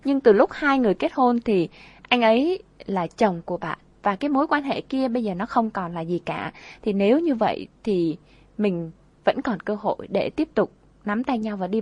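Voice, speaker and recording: A woman's voice: medium pitch, no echo, highs cut off. A woman co-hosting a radio advice show, talking earnestly and conversationally about relationships, repeating phrases for emphasis.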